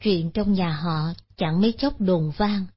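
A woman's voice: on the low side, measured pace, slightly rough. Woman narrating a solemn moral tale. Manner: steady, solemn storytelling. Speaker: storyteller. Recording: dull lo-fi audio.

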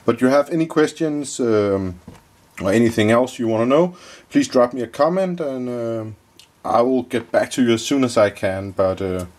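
A man giving a casual review of his hobby build, relaxed and full of fillers, talking at an indoor workbench. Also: medium pitch. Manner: relaxed, many fillers and pauses.

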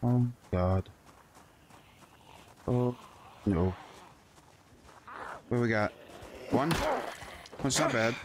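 A man's voice: medium pitch, drawn-out words, pauses often, background noise. A young man giving casual, profane commentary while playing, talking to himself, swearing often and breaking into yelps of panic. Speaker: gaming YouTuber. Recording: game music behind the voice. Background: game music.

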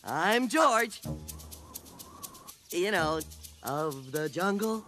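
A friendly, dim-witted cartoon jungle hero. He talks slowly with big swings of pitch, simple and boyish, over loud music. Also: sing-song, heavily acted. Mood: cheerful, friendly. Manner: talks of self in third person, simple and boyish. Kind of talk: cartoon voice acting.

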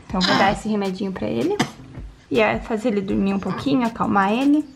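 A woman's voice: medium pitch, fast, gravelly, background noise. A young mother, chatting casually at home and doting on her baby. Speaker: mother and vlogger. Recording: background music.

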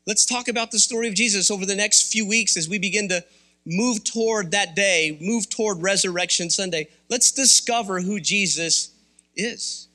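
High-voiced, bright-toned man preaching. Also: moderate pace. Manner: conversational, candid, rousing. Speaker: pastor. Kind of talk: sermon. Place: church sanctuary.

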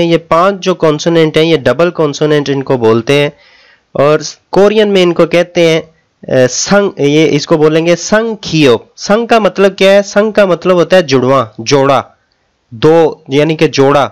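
A man teaching a Korean language lesson, speaking Urdu as his first language, with patient explanations and slow, drawn-out pronunciation drills. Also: a little high, clear, resonant tone.

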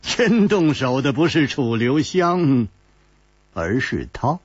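A man telling a pingshu-style story in a lively, animated way, often laughing at his own lines. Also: medium pitch, slow, husky, no room sound, lo-fi sound.

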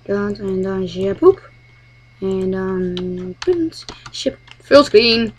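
A woman muttering commentary while playing a game, swearing a lot and often speaking quietly. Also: medium pitch, extremely slow, a little hiss or hum. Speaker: gamer. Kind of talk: gameplay commentary.

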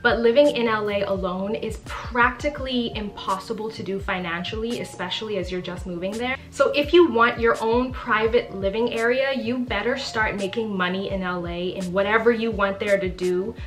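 A young woman from the Bahamas talks straight to the camera in an emphatic, chatty vlog style, leaning hard on words for stress. She sits in a small, bright living room, close to the camera. Faint music plays softly underneath her voice. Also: medium pitch, normal speed, few pauses. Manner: chatty and emphatic, often says literally. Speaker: vlogger. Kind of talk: casual talking-to-camera vlog.

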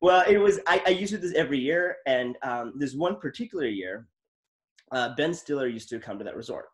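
A man's voice: medium pitch, lively intonation, fairly quick. Enthusiastic rambling man host. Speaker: podcast host. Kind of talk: casual interview chat.

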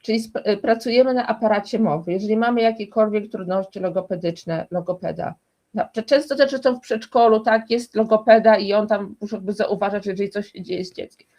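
A woman's voice: mid-range voice, a little fast, darkish tone. A woman speaking as a guest expert in a conversational interview, explaining emphatically and restarting often.

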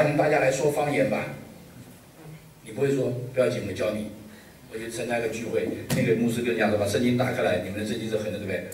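Joking pastor preaching in an echoey hall. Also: male voice, mid-range voice, recorded from a distance, a little hiss or hum. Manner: lively, joking, full of rhetorical questions. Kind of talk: sermon.

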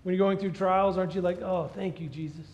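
A middle-aged man preaching a sermon on a church stage, animated and asking the congregation questions. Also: high-pitched, brisk. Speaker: pastor. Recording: dull sound with long hall reverb.

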